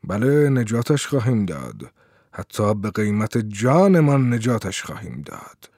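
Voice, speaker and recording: A man reading the part of a scheming, smooth-tongued revolutionary prosecutor who speaks with silky menace. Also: fairly low pitch, very animated, a little mellow, no echo, studio quality. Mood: oily. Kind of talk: audiobook character reading.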